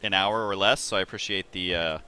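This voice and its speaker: A man giving casual, excitable and jokey gameplay commentary as he hosts a livestream. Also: deep voice, a little fast, clear, resonant tone. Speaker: livestream gamer host. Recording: faint game noise behind.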